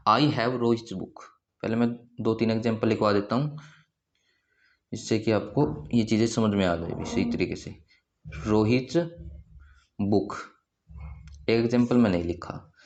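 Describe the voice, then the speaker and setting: A man's voice: on the low side, a little mellow, highs cut off. A man teaching a grammar lesson, who keeps asking questions and answering them himself.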